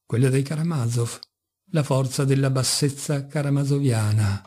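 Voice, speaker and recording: A man's voice: medium pitch, moderate pace, warm tone, natural voice. A man voicing a mocking, brooding young intellectual in an audiobook, speaking with bitter irony. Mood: ironic. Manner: ironic, bitter, sometimes passionate.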